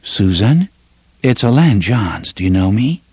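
A man voicing a young man who coaxes a friend in a calm, soothing way, in an audiobook. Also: on the low side, slow, vocal fry, slightly rough, no echo, exaggerated voice.

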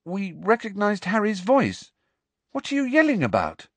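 A man's voice: high voice, wildly swooping pitch, moderate pace, fairly bright tone, no echo, voice pushed up, exaggerated voice. A man voicing a spirited, cool-headed younger teenage girl in an audiobook, direct and unflustered. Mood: uncertain, curious. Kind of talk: audiobook character voice.

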